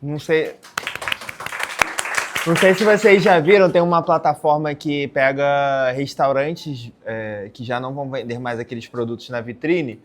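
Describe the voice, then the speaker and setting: Man from Brazil, teacher type, relaxed, encouraging, mid-pitched. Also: moderate pace, a faint crowd, a little hiss or hum. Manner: relaxed, encouraging, slangy remarks. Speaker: teacher moderating. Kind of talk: casual classroom discussion.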